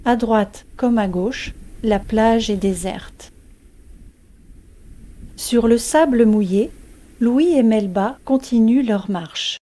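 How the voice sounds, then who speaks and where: A woman reads a story for language learners in calm, carefully paced narration. Her delivery is very slow, and her voice is mellow and somewhat high. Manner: calm, evenly paced reading.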